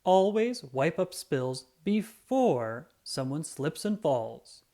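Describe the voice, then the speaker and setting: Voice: medium pitch, sing-song, slow pace, dark tone. A storybook reader as an earnest, emphatic police officer. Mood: earnest, announcing. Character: earnest male police officer giving safety tips.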